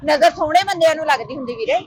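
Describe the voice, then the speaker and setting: A woman's voice: high-pitched, racing. A woman, performing a comic street sketch, needling and teasing while she feigns innocence. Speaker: comedian. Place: outdoor food stall. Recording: busy outdoor crowd and street noise.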